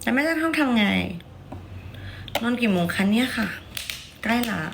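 Hoarse, lively-pitched woman chatting on a livestream. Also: moderate pace, background noise. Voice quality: raspy. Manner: playful, chatty, coaxing viewers. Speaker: livestream seller. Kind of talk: casual livestream chat.

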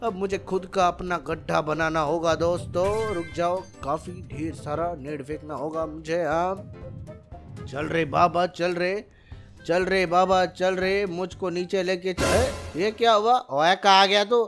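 Excitable high-voiced gaming host. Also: male voice, measured pace, over music. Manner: excitable, loud exclamations. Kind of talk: excited gameplay commentary.

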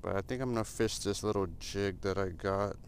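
This American vlogger in his twenties has a lowish, gravelly voice, a steady tone and a fairly quick delivery as he rambles casually and easily to camera. Shot on a mounted or arm's-length action camera inside a small car and across open parking lots, the audio is noisy with car and outdoor ambience.

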